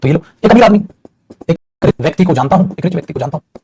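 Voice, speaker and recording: A man's voice: fairly high pitch, animated, fast, background noise. A man with a Bhojpuri-tinged Hindi accent teaching English grammar to students in a classroom lesson, switching between Hindi and English and calling his students beta.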